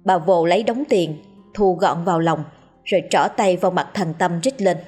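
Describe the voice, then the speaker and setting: A woman narrating a story in a measured, expressive reading. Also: fairly low pitch, husky, soft background music. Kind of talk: scripted narration of a ghost story.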